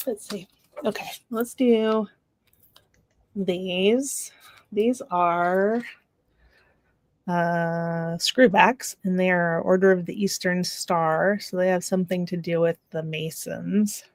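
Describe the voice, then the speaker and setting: Slow, halting woman hosting a live sale. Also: lowish voice, darkish tone, no room sound, low-quality recording. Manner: unhurried, halting, with many fillers and restarts. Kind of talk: casual live-sale chat.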